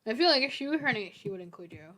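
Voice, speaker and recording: Woman host, bright voice, slightly high, playful teasing banter, casual stream chat. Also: expressive, very fast. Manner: playfully teasing, laughs often. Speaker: livestream host, writer.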